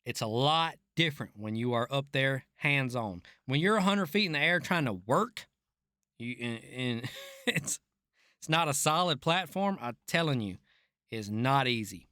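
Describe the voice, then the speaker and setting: A man's voice: medium pitch, expressive, unhurried, bright, forceful tone, no echo, studio quality. A middle-aged man giving casual, unscripted commentary as a former rig worker, in a folksy, slangy and profane way. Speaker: reaction video host, former oil rig worker.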